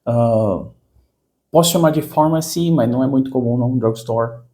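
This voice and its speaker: Man from Brazil, casual teacher, warm dark voice, explanatory, repetitive. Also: mid-range voice, normal speed. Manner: explanatory, repeats words for emphasis. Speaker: English teacher. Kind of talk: casual online lesson.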